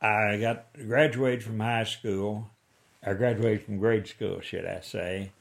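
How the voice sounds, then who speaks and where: A man's voice: on the low side, steady tone, slow, creaky. An elderly man in his eighties from the rural Missouri Ozarks, with an Ozark Appalachian-style accent, reminiscing in a folksy, plain-spoken storytelling way. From rural Missouri Ozarks, United States. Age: 80s. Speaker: interviewee. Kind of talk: oral history reminiscence.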